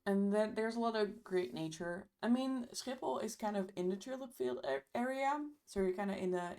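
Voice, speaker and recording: A woman's voice: on the low side, gravelly, a little mellow. A young woman hosting a live stream, chatting casually and thanking her viewers while losing her voice. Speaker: livestream host.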